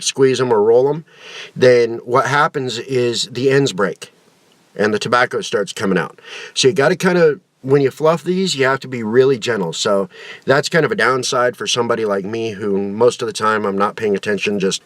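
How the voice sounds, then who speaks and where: A man's voice: medium pitch, no room sound. Folksy man reviewing, dry close sound. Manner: folksy, colloquial phrasing. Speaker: snus product reviewer. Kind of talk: casual review chat to camera.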